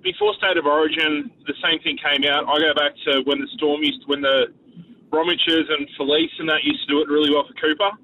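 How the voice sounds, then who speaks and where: An Australian man phoning a sports talkback show, speaking casually in a halting, laconic way. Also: on the high side, fairly even intonation, distant mic. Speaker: radio talkback caller. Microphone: phone. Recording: tinny, noisy phone line.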